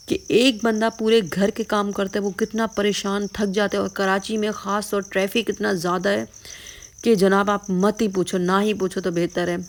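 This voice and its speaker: A tired woman, chatting casually to her viewers in a vlog. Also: mid-range voice. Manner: chatty, tired, often addresses viewers as "janab". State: hoarse, tired voice. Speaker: vlogger.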